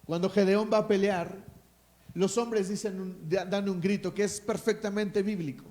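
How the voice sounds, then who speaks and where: Mexican pastor guy preaching, fairly high voice, swings loud then quiet, calls out to the church. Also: steady tone, moderate pace. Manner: emphatic preaching with call-and-response to the congregation. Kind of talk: sermon.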